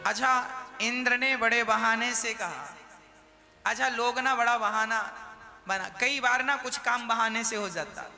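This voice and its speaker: A man's voice: extremely high pitch, steady tone, unhurried, gravelly. A man preaching a devotional sermon, telling folksy stories and chanting verses. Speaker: Bhagavat katha preacher. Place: large live religious gathering. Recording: reverberant live hall with music.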